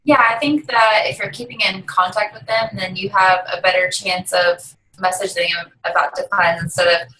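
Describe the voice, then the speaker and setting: Bright-voiced young woman on a video call. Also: mid-range voice, fairly even intonation, normal speed, few pauses, a little hiss or hum, poor audio. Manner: chatty and upbeat, walks through her routine step by step. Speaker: network marketing distributor and team leader. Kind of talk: casual video call interview.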